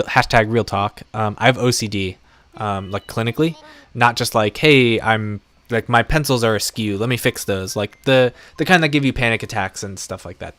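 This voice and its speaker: A young adult man chatting casually and rambling on a live stream, talking warmly to his viewers. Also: medium pitch.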